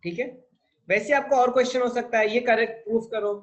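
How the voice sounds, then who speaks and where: A fast-talking man with a very high-pitched, fairly even voice teaches physics on a low-quality recording. The tutor has an Indian English accent, mixes in Hindi, and asks his class questions he then answers himself.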